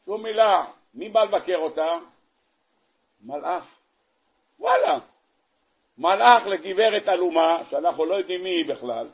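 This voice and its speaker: A man, a rabbi, giving a sermon on the weekly Torah portion, telling the story in an animated way and throwing rhetorical questions at his listeners. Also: high voice, pauses often, slightly rough. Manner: animated storyteller, acting out the scenes; asks the audience rhetorical questions.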